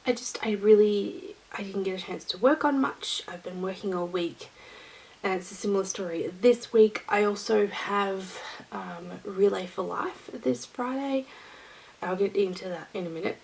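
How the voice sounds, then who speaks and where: A woman's voice: mid-range voice, moderate pace, gravelly, a little mellow, poor audio. A woman hosting her own knitting vlog, talking to camera in a rambling, easygoing chat. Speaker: knitting vlogger.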